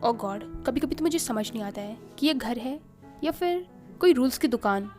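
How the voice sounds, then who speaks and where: A woman's voice: on the high side, animated, normal speed, darkish tone, faint music behind, lightly acted. A woman voicing a spoiled, playful young girl who teases her brothers, in a read-aloud story. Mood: playful, cheeky. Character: cheeky spoiled young girl, little sister.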